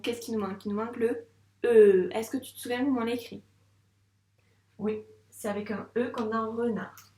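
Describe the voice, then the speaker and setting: A woman teacher with a French accent, slowly and patiently sounding out syllables in a dictation lesson for a young child. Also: medium pitch. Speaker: first-grade teacher. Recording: echoey room sound.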